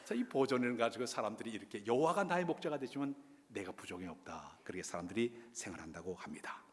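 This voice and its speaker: A man's voice: fairly low pitch, lively intonation, fast. Man preaching in an echoing church hall. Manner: emphatic preaching with rising and falling delivery. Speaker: pastor. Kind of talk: sermon. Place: church sanctuary. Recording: long church-hall reverb.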